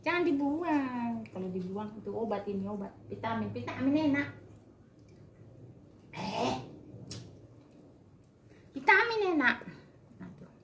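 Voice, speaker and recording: A woman speaks to her pets in doting, coaxing baby-talk, with a voice pitched a little high that leaps up and down. The sound echoes off the walls of a room at home. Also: sing-song, a little slow, pauses often, fairly bright tone, a little hiss or hum. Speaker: pet owner.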